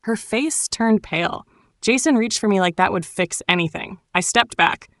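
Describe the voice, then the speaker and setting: A woman narrating a dramatic first-person storytime tale in a cool, wry, sharp-tongued way. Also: medium pitch, moderate pace, no room sound, clean studio sound.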